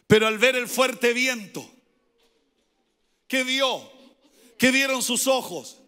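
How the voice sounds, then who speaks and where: A man preaching as a pastor, emphatic, repeating his phrases and rising at times to shouted pleas. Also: very high voice, slow pace, smooth, big-room sound. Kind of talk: sermon.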